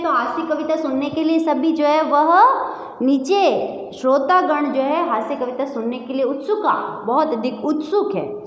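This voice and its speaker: Slow, high-voiced woman teaching a class. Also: reverberant, big-room sound. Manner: slow, repeats key words, quizzes the class. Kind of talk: classroom lesson explaining to children.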